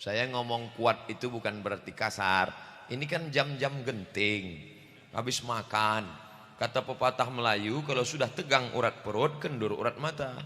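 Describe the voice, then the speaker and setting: A man preaching a loud, joking sermon to a large congregation, acting out little scenes. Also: moderate pace, a little hiss or hum. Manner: loud, booming delivery. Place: large mosque. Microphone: handheld stage microphone. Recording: echoey mosque hall.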